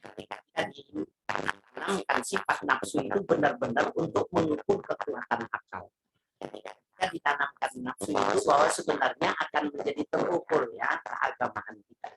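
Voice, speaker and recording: A man giving a religious lecture on verses over an online call. His voice comes through crackling, glitchy, distorted mic audio. He explains in measured phrases with many fillers. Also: medium pitch, very animated, vocal fry. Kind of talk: Quran commentary lecture. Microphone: microphone on an online video call.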